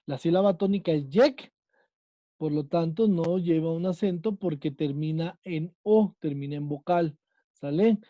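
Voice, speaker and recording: A man's voice: fairly high pitch, unhurried, no room sound, dull audio. A man with a Mexican accent, teaching a Spanish class and quizzing his students, checking in with them again and again. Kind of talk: online class lesson.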